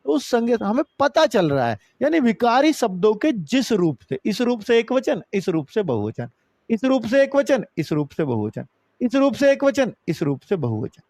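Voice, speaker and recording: A male teacher explains grammar to students he calls kids. His voice sits high and leaps up and down in pitch, with emphatic rises and low, drawn-out drops. The close mic gives a dry sound with no room echo. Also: sing-song, a little mellow. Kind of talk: online exam-prep grammar lesson.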